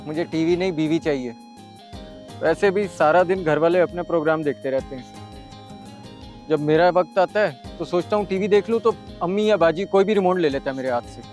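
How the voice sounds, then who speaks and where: A man's voice: a little high, a little fast, a little mellow, soft background music, natural voice. An actor playing a shy young man who is desperate to get married, earnest and complaining. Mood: fretful. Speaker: lead character Shehzad.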